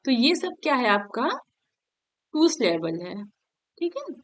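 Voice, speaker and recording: A woman's voice: sits high, sing-song, measured pace. A woman teacher giving an exam-prep grammar lesson, patiently repeating each point and drilling word forms one by one.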